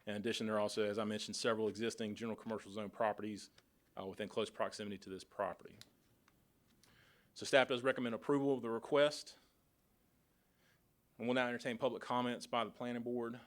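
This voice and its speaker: A man's voice: lowish voice, fast talker, pauses often. A man from county planning staff presenting a formal report at a public board meeting. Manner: steady, procedural, reads from a report.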